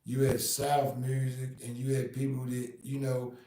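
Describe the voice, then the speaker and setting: Speaking off-mic in a very echoey room, this laid-back Nashville podcast host delivers a casual monologue in a Southern accent, repeating "man" and "you know what I mean." The tone is warm and monotone at medium pitch, a little slow, with some hiss or hum.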